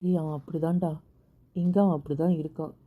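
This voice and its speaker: A woman doing a calm, pleading older brother. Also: deep voice, a little fast, phone-quality sound. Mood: coaxing. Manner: soothing, pleading, keeps repeating calm down. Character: protective older brother, calm peacemaker, male. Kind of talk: amateur audio drama.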